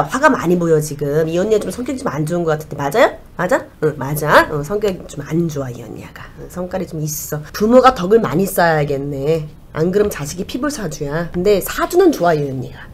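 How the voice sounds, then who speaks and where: A woman's voice: fairly low pitch, big pitch swings, a little fast, hardly any pauses, a little hiss or hum. A woman doing a comic fortune-telling shaman, chatty and sing-song, now and then dropping to a whisper. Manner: chatty, sing-song, drops to whispers when relaying spirit messages. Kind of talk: comic shaman role-play.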